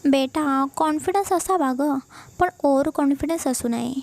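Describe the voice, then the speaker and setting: A woman's voice: high-pitched, normal speed. Woman voicing a kind old grandmother. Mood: affectionate. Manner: gentle, affectionate, mildly teasing.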